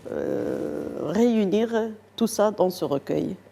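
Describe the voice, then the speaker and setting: An older woman from Morocco, a guest poet in a TV studio interview, speaking softly and hesitantly with many pauses. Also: mid-range voice, lively intonation, creaky. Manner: slow, soft-spoken, hesitant with many pauses.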